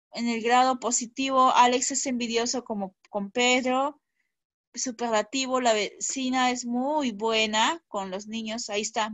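A woman teaching children over a video call. Her voice sits a little high and sounds dry and close. She speaks patiently and keeps asking whether they follow. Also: fairly bright tone, dry recording. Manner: patient, checks in with "¿ya?" and "¿sí?". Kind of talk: online class teaching.

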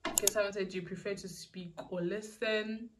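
A woman's voice: medium pitch, steady tone, moderate pace, noisy background. A young woman with a South African accent, rambling and repeating herself as she casually answers questions. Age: young adult. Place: small indoor room.

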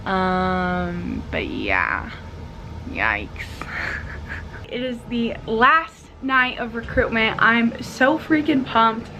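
Bubbly college sorority girl vlogging, kinda high voice, says like a lot, noisy camera mic in a small room. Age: young adult. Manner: heavy use of "like". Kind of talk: casual vlog chat. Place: small dorm room, indoors. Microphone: handheld camera at arm's length.

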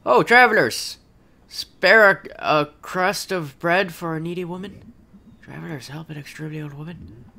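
A man's voice: a little high, moderate pace, vocal fry, bright, forceful tone. A man voicing a very old, cruel witch who speaks in archaic threats and cackles. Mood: pleading, menacing. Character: cursing ancient hag, woman, very old, cruel.

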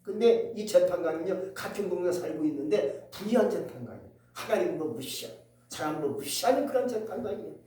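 A pastor preaching a dramatic sermon, acting out the stories. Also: male voice, high-pitched, lively intonation, fairly quick, dark tone. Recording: echoey church from far off.

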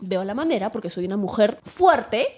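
A woman's voice: mid-range voice, expressive, normal speed. A young woman with a Peruvian accent, co-hosting a casual podcast and telling a story, acting out the dialogue with lots of laughter. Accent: Peruvian Spanish. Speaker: podcast co-host.

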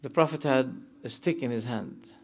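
A man giving a religious lesson and explaining scripture verses, emphatic and animated, his voice rising on key points as he tells stories. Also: mid-range voice, moderate pace. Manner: tells stories, sometimes emotional. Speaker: sheikh teaching Islamic creed.

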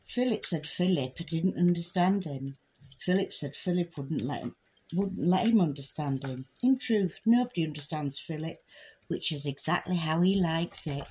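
Woman reading a comic bedtime story deadpan. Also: fairly low pitch, slight background noise, rough recording. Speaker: reader of a parody picture book.

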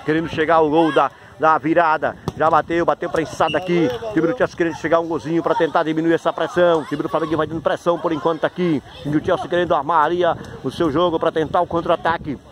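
A Brazilian man giving rapid, excited live play-by-play commentary on a youth football match outdoors, repeating the team names. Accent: Brazilian Portuguese. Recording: noisy crowd at outdoor pitch. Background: crowd and players shouting.

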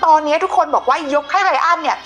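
High-pitched female TV interviewer. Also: expressive, fast talker, fairly bright tone, soft background music. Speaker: TV show host. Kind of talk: conversational television interview.

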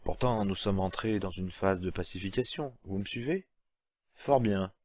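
A man's voice: deep voice, normal speed, darkish tone, dry recording, clean studio sound. A man voicing an honest, earnest male government counsellor in an audiobook, speaking formally.

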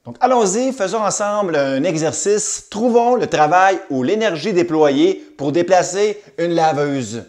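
A man's voice: high voice, lively intonation, a little slow, few pauses, a little mellow. A man with a Québécois accent teaching a recorded math lesson, upbeat and cracking jokey asides.

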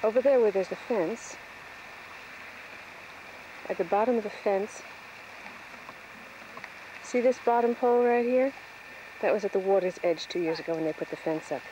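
A woman's voice: mid-range voice, moderate pace, pauses often, warm tone, a little hiss or hum, rough recording. A woman filming a home video outdoors, describing the scene as she goes, recorded on an old VHS camcorder tape. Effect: old VHS camcorder tape sound. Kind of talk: casual commentary while filming. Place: outdoors by the water.

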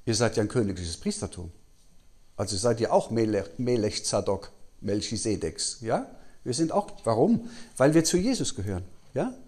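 A man's voice: lowish voice, very animated, normal speed, a little mellow. A man giving a Bible teaching at a conference, putting questions to his audience, answering them himself and often tagging "ja?". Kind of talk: sermon-style Bible teaching. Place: conference hall.

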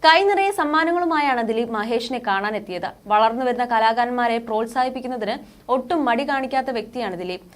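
High-voiced woman reading entertainment news. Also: fast. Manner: steady formal read-out delivery. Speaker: news reader. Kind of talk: scripted news narration.

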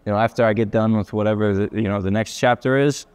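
A young man, a college athlete, answers interview questions over dinner in an easygoing way. His voice sits a little low for a man, and he often restarts and repeats words as he thinks. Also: fairly even intonation, fast talker, darkish tone, clean tone. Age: young adult. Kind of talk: casual interview chat. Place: indoors at a dinner table.

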